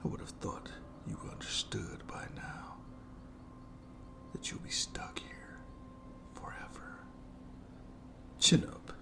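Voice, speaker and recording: A performer plays a sadistic monster jailer hiding under the bed in scripted horror ASMR, gloating in a breathy, heavily creaky whisper. The voice sounds natural, while the mood is mocking and menacing. The performer speaks slowly and theatrically, with a falsely polite edge.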